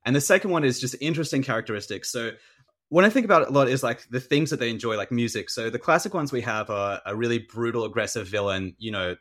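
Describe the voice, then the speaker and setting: A man's voice: medium pitch, quick pace, fairly bright tone. A man, talking casually and animatedly as an author guest in an interview, with many filler words.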